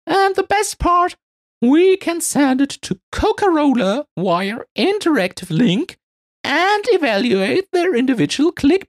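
Man playing a proud, excited young Christmas helper woman, very high, lively. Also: no room sound, clean studio sound, exaggerated voice.

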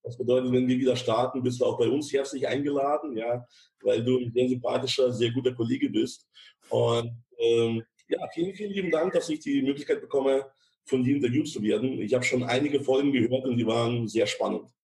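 A man in his thirties, born in Ukraine, talks casually as an interview guest. His mid-range voice has a gravelly edge, and he scatters fillers through his sentences, often closing a thought with a quick "ja.". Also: mid-range voice, fairly even intonation, darkish tone. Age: 30s. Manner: many fillers, chatty, ends phrases with "ja". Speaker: podcast guest, insurance broker.

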